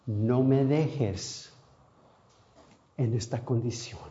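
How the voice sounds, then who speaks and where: A man preaching a sermon, emotional, swinging between soft, quiet passages and sudden louder cries, with long pauses. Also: medium pitch. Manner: non-native Spanish, asks how to say a word. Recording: dull lo-fi sound.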